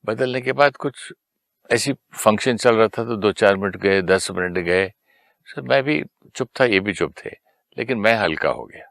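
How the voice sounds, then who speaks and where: A man's voice: on the low side, animated, measured pace, vocal fry, a bit bright, no room sound, clean studio sound. A man in casual conversation, telling a personal story and acting out the dialogue, with English phrases mixed in. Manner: anecdotal, mixes English phrases, acts out quoted dialogue. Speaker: guest sharing a personal story.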